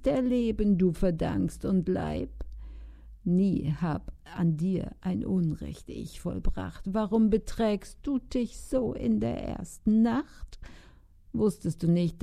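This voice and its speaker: A woman's voice: lowish voice, creaky, dark tone, exaggerated voice. A woman voicing a cunning, ugly old woman who commands her new husband in rhyming verse. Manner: pleading then domineering, rhyming verse.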